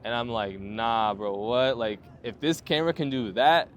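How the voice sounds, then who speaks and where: A photographer in his twenties tells his story in a laid-back interview, using lots of slang, fillers and swearing. His voice is mid-range and moderately paced, with a little hiss or hum on the recording.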